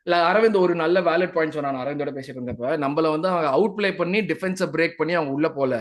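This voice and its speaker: A man with a Tamil accent talks football quickly, with his words tumbling out. His voice sits a little high. He co-hosts the podcast in casual chat and often switches into English phrases. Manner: fast talker, mixes English phrases into Tamil. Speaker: podcast co-host.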